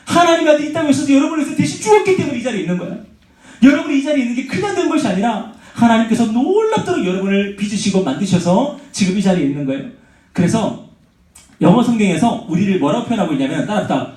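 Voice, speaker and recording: A man preaching to high school students, animated, asking questions and having the room repeat after him. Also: quick pace, recorded from a distance. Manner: animated, asks the audience questions and has them repeat. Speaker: youth pastor. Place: church sanctuary. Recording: echoey church hall.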